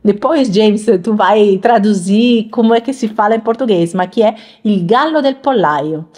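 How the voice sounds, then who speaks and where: A woman's voice: medium pitch, a little slow, a little mellow. A woman hosting a reaction video, explaining things in casual chat and repeating words while she searches for the right one. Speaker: channel host reacting to clips.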